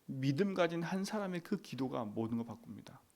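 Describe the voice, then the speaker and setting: A man's voice: mid-range voice, expressive, brisk, a little mellow. A middle-aged male pastor preaching at a dawn prayer service, emphatic, with rhetorical tag questions and whispered prayers.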